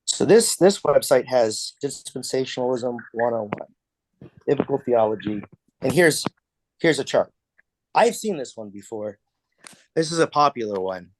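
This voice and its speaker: A man's voice: medium pitch, expressive, unhurried, pauses often, no room sound. Man teaching a class over a video call. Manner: conversational, with frequent restarts and repeated words.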